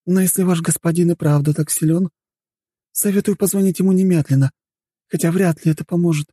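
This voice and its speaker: A man's voice: high voice, steady tone, a little fast, warm tone, husky, dry recording, clean studio sound, pitched above the performer's own voice. A man voicing a bold, bloodthirsty woman who speaks curtly and sarcastically, in an audiobook. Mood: sarcastic. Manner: curt, sarcastic.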